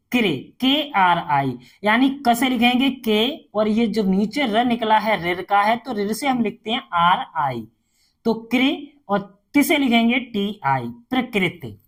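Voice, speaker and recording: A woman tutoring a beginner spelling lesson, reading each word, spelling it letter by letter, then repeating it. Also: on the high side. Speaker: English tutor.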